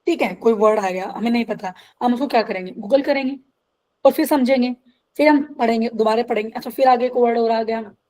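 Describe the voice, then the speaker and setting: A woman teaching an online lecture over a video call. She moves between Hindi and slow, deliberate English definitions and keeps checking that the students are following. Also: a little high, mellow, poor audio. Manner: asks checking questions.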